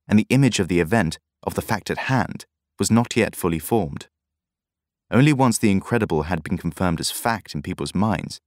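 A man narrating an audiobook in a measured, even storytelling manner. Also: sits low, no room sound, studio quality. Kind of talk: scripted narration.

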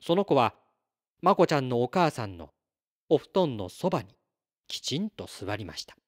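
A man reading a children's story aloud in a slow, gentle, expressive way. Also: mid-range voice.

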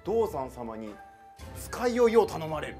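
A man's voice: a little high, very animated, unhurried, darkish tone, faint music behind. A man in character as an old-fashioned samurai lord, speaking archaic samurai speech, co-hosting a history drama chat. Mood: lordly. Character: old-fashioned samurai warlord persona, grand and jovial. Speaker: co-host.

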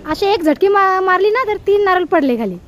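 A woman's voice: very high voice, lively intonation, brisk, faint music behind. A woman with an Agri Marathi accent, from near Thane, vlogging outdoors in a village yard and coaxing a toddler in a sing-song voice. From Bhiwandi area near Thane, India. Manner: sing-song and coaxing when talking to the child. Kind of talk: casual vlog narration while minding a toddler. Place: outdoors in a village yard under a coconut tree.

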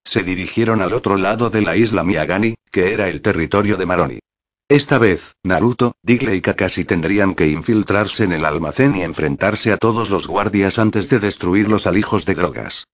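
A man narrating an audio fanfic in a steady, flat, synthetic-sounding reading. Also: deep voice, moderate pace.

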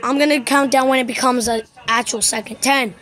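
A woman's voice: a little high, steady tone, brisk, a bit bright, faint music behind. A woman hosting a casual home video while watching a New Year countdown, giddy, laughing and counting down aloud. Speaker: channel host.

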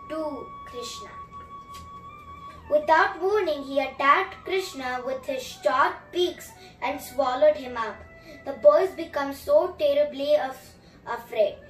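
With a high voice, a child of roughly 7 to 10 who hosts a kids' story channel reads a storybook and retells it through lively, chatty asides full of emphatic repetition. The camera sits a few feet off in a small room at home, giving a roomy, distant sound with background music.

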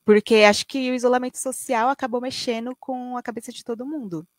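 A woman's voice: a little high, steady tone, fast talker, no room sound. A woman in her late twenties with a Brazilian accent, answering interview questions in a friendly way over a gaming headset from her bedroom. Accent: Brazilian Portuguese. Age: 20s. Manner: friendly, tags sentences with "né". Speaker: guest streamer.

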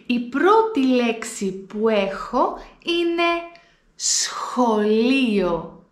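A woman with a Greek accent and a fairly high voice leads a pronunciation lesson, stretching each word out slowly and repeating it for learners to copy. Her voice rings in an echoey room. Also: animated. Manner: slow, deliberate word repetitions for learners. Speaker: Greek language teacher.

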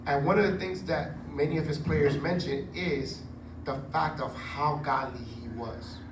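A man in his forties preaching a sermon on a church stage into a handheld mic, chatty and animated with joking asides. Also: on the high side, measured pace, distant mic. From Puerto Rico heritage. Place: church stage with curtain backdrop. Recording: echoey room, recorded from afar, noisy.

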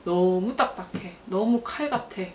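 A woman's voice: mid-range voice, a little slow, darkish tone, far from the mic. A woman fortune teller giving a reading, talking bluntly and mixing casual and polite speech as she relays what the spirits tell her. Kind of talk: fortune-telling consultation. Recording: echoey room with faint noise.

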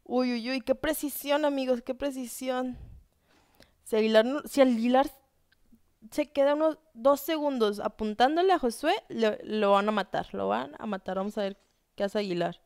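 A young woman commentating a live video game tournament, excitable and talking straight to the viewers. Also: a little high, moderate pace, clear, resonant tone, no room sound, clean studio sound.

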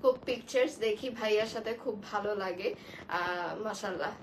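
A young woman speaking quietly through a cold, chatting casually as she shows clothes on a live sale stream. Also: mid-range voice, normal speed, slight background noise, low-quality recording. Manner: chatty, mixes English words into Bengali. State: has a cold, speaking softly. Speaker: online clothing seller. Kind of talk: live-stream product showcase.

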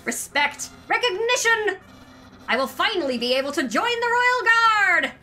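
Woman playing a shrill, shouty vain skeleton. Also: big pitch swings, moderate pace, faint music behind, full character voice. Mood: pompous. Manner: shouty, pompous, dramatic. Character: loud, vain, overeager male skeleton. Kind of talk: fan voice-over of a video game.

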